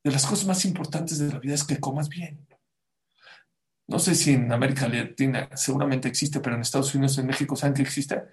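A man giving a Torah lesson, swinging between loud outbursts and hushed asides and asking his listeners many rhetorical questions. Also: mid-range voice, fairly quick. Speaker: rabbi teaching Torah.

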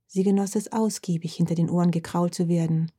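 A woman with a breathy, very mellow, lowish voice reads a children's story softly and expressively. Her tone stays warm and dark throughout. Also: fairly even intonation, brisk. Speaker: narrator. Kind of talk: scripted narration.

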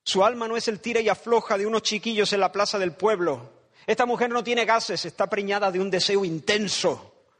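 A man's voice: high voice, a little fast, fairly bright tone. A man from preaching a sermon, dramatic and emphatic, repeating phrases and acting out voices from the story.

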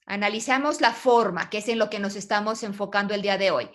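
A woman's voice: mid-range voice, quick pace. A woman teaching a poetry class online, patiently quizzing her students. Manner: patient, asks the class questions.

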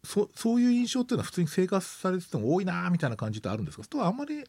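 A man's voice: sits high, huge pitch swings, very fast, a little mellow, no echo. A middle-aged man hosting a casual conversation, laughing often and talking with many fillers. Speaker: host. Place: Tokyo.

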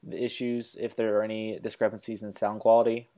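A man's voice: fairly low pitch, level tone, a little fast, mellow. A man co-hosting a casual movie-review podcast, teasing and rambling with restarts. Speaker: podcast co-host.

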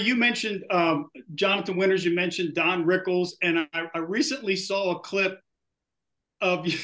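Man, co-host, high pitch, complimentary, laughs easily, casual interview. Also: fairly bright tone.

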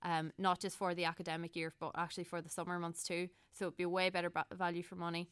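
A woman's voice: lowish voice, flat delivery, fast talker, a bit bright, clear, resonant tone, no echo, clean studio sound. A young woman with a Donegal Irish accent giving earnest, conversational interview answers as a student election candidate, often correcting herself as she goes. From County Donegal, Ireland. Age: young adult.

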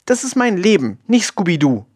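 A man's voice: fairly high pitch, expressive, fairly quick, pitched above the performer's own voice, natural voice. A man voicing an uneasy young woman who protests and exclaims. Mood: protesting. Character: young woman, anxious, easily exasperated.

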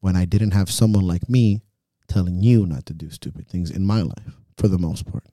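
Low, mellow-voiced man musing frankly. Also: moderate pace, no echo, studio quality. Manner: reflective, frank, swears freely. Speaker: podcast host and coach. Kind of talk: casual podcast chat.

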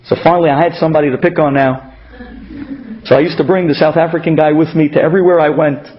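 A man's voice: fairly high pitch, steady tone, fast talker. A man with a Brooklyn accent giving a religious sermon with stories, speaking emphatically and repeating key phrases. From Brooklyn, New York. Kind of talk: sermon with storytelling. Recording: dull, muffled lo-fi audio.

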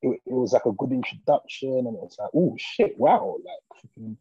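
A man's voice: medium pitch, fast, warm tone, slightly rough, no room sound, lo-fi sound. A man with a London roadman accent bantering casually as a podcast co-host, agreeing emphatically and repeating words for emphasis. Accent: London, urban street slang. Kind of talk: casual banter about TV and film.

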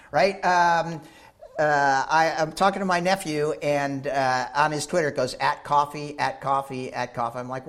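Animated man presenting to a crowd. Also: fairly high pitch. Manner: animated, keeps asking the audience "right?"; jokey, banters with the crowd. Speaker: conference speaker. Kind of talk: lively conference presentation.

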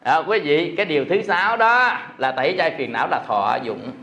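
Male monk, high-pitched, jokey preacher who checks in with his audience, faint background noise. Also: expressive, fairly quick, pushed and bright. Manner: jokey, laughs often, peppers talk with rhetorical questions. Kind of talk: sermon.

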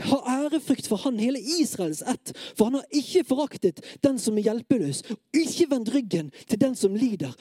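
A preacher giving a sermon who talks straight to the listeners with hesitant fillers, then reads scripture with dramatic, at times loud and pleading intensity. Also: medium pitch, no echo, clean studio sound. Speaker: preacher at a worship gathering.

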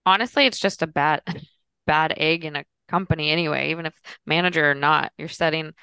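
A woman hosting a casual podcast, relaxed and agreeable as she chats with her guests. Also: low-pitched, fairly quick, smooth, no echo. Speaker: podcast host.

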